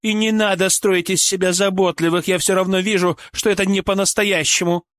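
A man's voice: high-pitched, little pitch movement, fairly quick, dry recording, clean studio sound, pitched above the performer's own voice. A man voicing a bitter, furious former shop clerk. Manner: harsh, accusing, shouting insults.

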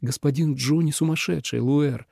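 A man reading an audiobook voices a composed young courtier who speaks slightly above the narrator's pitch. Measured and cool, he stays resolute, with a gravelly texture in a dry, close recording. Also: no room sound. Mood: calm. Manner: calm, measured, cold and resolute. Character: calm, firm young man, emperor's foster brother. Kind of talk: audiobook character voice.

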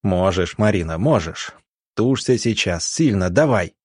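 A firm young country doctor gives curt, decisive orders, voiced by a male audiobook narrator. His voice is low and husky. The recording is close and dry. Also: animated, a little slow, no room sound, exaggerated voice. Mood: commanding.

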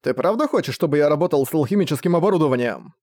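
A man's voice: fairly high pitch, animated, rapid-fire, a little mellow, dry recording, natural voice. A pushy young man pleads and wheedles in a whiny, raised voice, as a male storyteller puts him on. He sounds like an audiobook character, read in a dry, close setting. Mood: wheedling.

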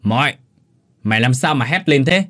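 A man's voice: mid-range voice, expressive, moderate pace, bright, forceful tone. A man voicing a stern old male landlord who questions and gives curt orders in a spoken horror story. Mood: stern questioning. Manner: curt, commanding.

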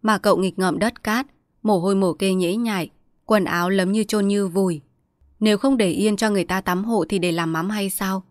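A woman narrating a short story in a measured, even storytelling voice. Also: medium pitch, no room sound, studio quality. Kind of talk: scripted story reading.

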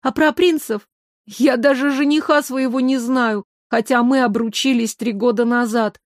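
A woman voicing a gentle, sad young princess who speaks softly. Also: fairly high pitch, fairly even intonation, normal speed, no echo, studio quality, natural voice. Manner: soft and gentle.

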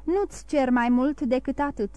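A woman's voice: sits high, mellow, no room sound, close to an everyday voice. A woman reading the part of a proud young nobleman who speaks coldly and accuses. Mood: menacing. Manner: cold, challenging, accusing.

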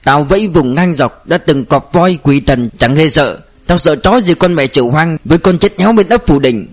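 A man voicing a proud, stern village blacksmith father who speaks gruffly and commands. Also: fairly high pitch, expressive, moderate pace.

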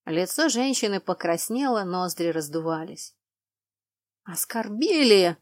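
A woman narrating a novel in the first person in an even, measured way. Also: medium pitch, no room sound, clean studio sound. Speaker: audiobook narrator.

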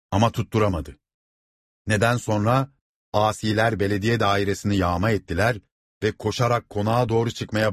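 A man reading a novel aloud as narrator, with steady, dramatic storytelling. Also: lowish voice, no room sound, clean studio sound.

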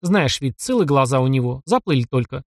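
A man voicing a young widow who speaks softly, bashfully and with emotion. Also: medium pitch, animated, a little fast, dry recording, clean studio sound, close to an everyday voice. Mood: tender. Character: young widow, tender and tearful.

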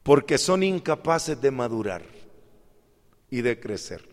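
Slow-preaching man in a reverberant hall. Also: mid-range voice, sing-song. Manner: acts out little dialogues, swings from loud outbursts to quiet asides. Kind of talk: sermon.

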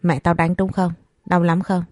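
Woman voicing a bedridden young man, teasing, low dark tone, dry. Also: little pitch movement, normal speed, no room sound, natural voice. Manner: teasing, weak. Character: young man, sick but teasing and sharp-tongued.

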